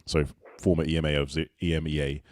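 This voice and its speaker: A young man hosting a casual chat, asking quick, jokey, teasing questions. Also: very deep voice, level tone, a little mellow. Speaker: host.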